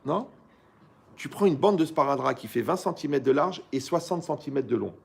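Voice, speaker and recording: A male rabbi with a somewhat high, gravelly voice teaches a Torah lesson to young listeners. He talks in a colloquial, animated way, telling little stories and checking in with rhetorical questions. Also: moderate pace.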